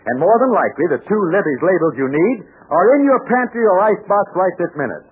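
An American man working as an old-time radio announcer, delivering scripted pitches and serial narration with emphatic, folksy salesmanship. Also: a little hiss or hum. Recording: muffled, band-limited old radio transcription.

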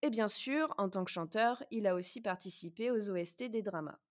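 A woman's voice: mid-range voice, fairly quick. A woman hosting a podcast, chatting casually with frequent hesitations and presenting prepared notes. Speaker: podcast host.

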